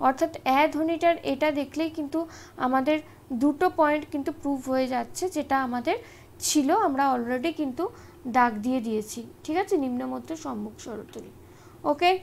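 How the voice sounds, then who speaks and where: A woman's voice: high voice, a little hiss or hum. A woman teaching an exam-prep grammar lesson, explaining step by step and often checking in with short tag questions.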